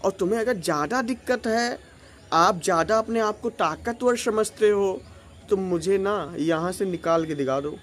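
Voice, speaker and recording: A man voicing his own cool, menacing young male alter ego, talking slow, low and threateningly. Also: fairly bright tone. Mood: taunting.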